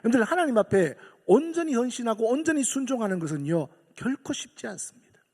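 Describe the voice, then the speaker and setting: A man's voice: extremely high pitch, big pitch swings, quick pace, warm tone. A male pastor with a Gyeongsang accent, telling a story in a sermon and building to emphatic calls to the congregation. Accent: Gyeongsang Korean. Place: church sanctuary. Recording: long hall reverb of a church.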